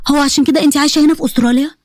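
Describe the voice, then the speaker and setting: A woman voicing a curious young woman roommate with an Egyptian accent, eager and animated, in a narrated story. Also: sits high, racing, dry recording, studio quality, natural voice.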